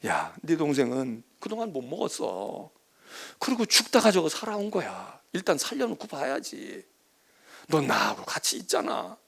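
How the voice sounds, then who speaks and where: A man voicing a patient, fatherly God who coaxes a sulking child softly and slowly, in a sermon. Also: fairly high pitch, huge pitch swings, creaky, husky, heavily acted. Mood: soothing. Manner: soft, slow coaxing.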